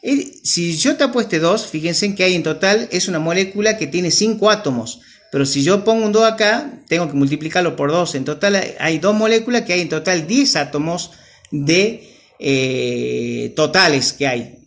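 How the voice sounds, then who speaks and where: A man's voice: on the high side, normal speed, a bit bright. A man teaching a chemistry lesson, patiently explaining steps and checking in with his students. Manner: patient, checks with students, repeats key terms. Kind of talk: classroom lesson at a whiteboard.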